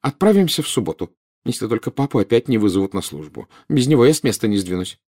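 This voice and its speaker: A man's voice: mid-range voice, lively intonation, fast, darkish tone, no room sound, clean studio sound, natural voice. A man voicing a stern, anxious wizard mother who scolds her son. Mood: weary. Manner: scolding, clipped.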